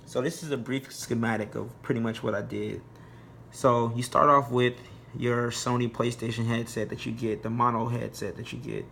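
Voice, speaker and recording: A man's voice: medium pitch, little pitch movement, normal speed, vocal fry, fairly bright tone, slight background noise. A man giving a casual, plain-spoken how-to narration, explaining things informally as a DIY presenter.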